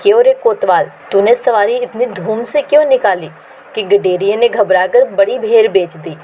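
A woman's voice: medium pitch, normal speed, mellow, a little hiss or hum, natural voice, rough recording. A woman reading the lines of a foolish male king who gives orders. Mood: bossy. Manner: bossy, issuing orders.

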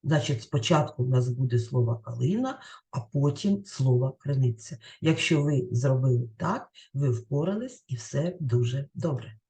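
A woman teacher giving a recorded lesson over slides, explaining in a clear, carefully enunciated way and reading lists out word by word. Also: sits low, a little mellow.

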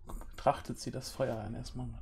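A man in his thirties narrating a tabletop game as storyteller, haltingly searching for words. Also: mid-range voice, level tone, heavy background noise. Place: small room at home, video call.

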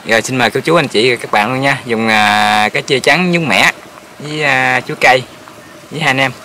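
A man's voice: medium pitch, fairly even intonation, a little fast, pushed and bright, slight background noise. A man with a Southern Vietnamese accent bantering playfully as co-host of an outdoor cooking vlog. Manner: joking, playful.

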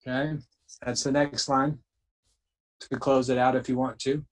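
Man, spiritual group leader, instructional talk, chants incantations, keeps asking "okay?", mid-pitched voice. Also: little pitch movement, measured pace, poor audio. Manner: repeats "okay?" constantly, chants incantations with emphasis.

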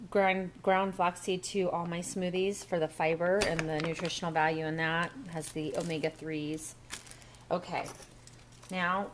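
A woman's voice: fairly low pitch, background noise. A woman walking through a recipe step by step in a casual kitchen demo at a home counter, recorded on the camera mic. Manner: chatty, step-by-step instructions. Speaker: cooking vlogger.

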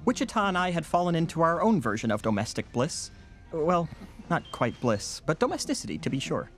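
Nervy, highish-voiced American survivor. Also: male voice, very animated, fairly quick, faint music behind. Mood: wry, nostalgic. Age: 30s. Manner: nervy, wordy, precise. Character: neurotic, bookish, earnest young male survivor. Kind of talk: film comedy narration and dialogue.

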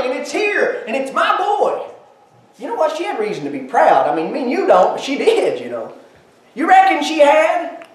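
A man preaching a sermon in a church, animated and emphatic, with folksy asides. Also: very high voice. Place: church sanctuary. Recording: echoey church, mic far off.

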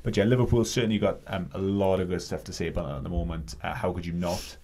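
A man co-hosting a football podcast, relaxed and measured with lots of ums. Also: deep voice. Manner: relaxed, measured, filler-heavy. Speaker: podcast co-host. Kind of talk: casual football chat.

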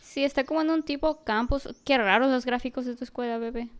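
A woman giving animated let's-play commentary, talking to a baby character and often yelling and laughing. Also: sits high, fairly quick, clear, resonant tone. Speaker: gaming youtuber.

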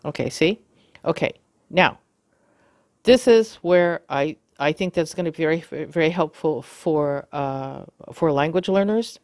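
Woman, casual how-to host, halting delivery, frequent fillers, dry sound. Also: low-pitched, a little mellow, no echo. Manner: halting, with many fillers and self-corrections. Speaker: video tutorial host.

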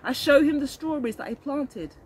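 This middle-aged woman has a high-pitched voice and talks a little fast. Playing a teacher of small children, she reads expressively, speaks to the kids directly and quizzes them with questions, all from a leafy garden outdoors.

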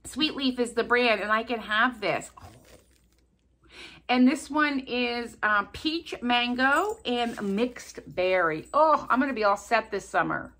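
Speaking slowly in a fairly high, bright, forceful voice, this woman vlogger opens gifts sent by subscribers. She talks casually to camera, gasping and gushing over every item, and keeps rambling and jumping between asides.

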